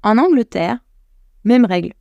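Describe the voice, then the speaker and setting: Casual podcast host, a young French woman: chatty, direct, some vocal fry, dry sound. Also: on the high side, expressive, a little slow, mellow, no echo, highs cut off. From France. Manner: chatty, addresses listener directly, many restarts. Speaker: podcast host, English coach. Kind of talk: casual advice talk.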